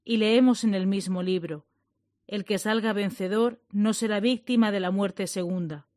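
A woman giving a measured, solemn liturgical reading. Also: mid-range voice, a little mellow, no room sound, clean studio sound.

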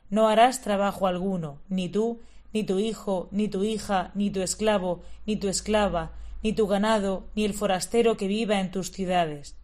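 Woman reading scripture in measured tones. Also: medium pitch, a little mellow. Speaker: lector.

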